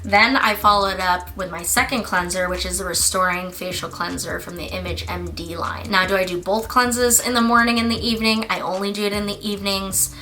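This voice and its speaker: A licensed esthetician who hosts a beauty channel chats through her skincare routine in a casual product-review vlog. Her mid-range voice is pushed and bright but a little raspy from a lingering cough, and she explains each step with plenty of fillers.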